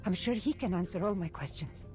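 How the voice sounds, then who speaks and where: A meek young cult follower, voiced by a woman in a video game, stammering her words humbly. Soft game music plays behind her. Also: lowish voice, expressive, brisk, lightly acted.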